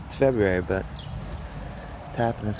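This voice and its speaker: A man's voice: lowish voice, normal speed, lo-fi sound. A man giving a casual, laid-back walk-and-talk garden vlog with mild swearing, recorded outdoors. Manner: laid-back, mildly profane. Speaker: gardener vlogger. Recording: noisy outdoor recording with ambient sounds. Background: outdoor ambience.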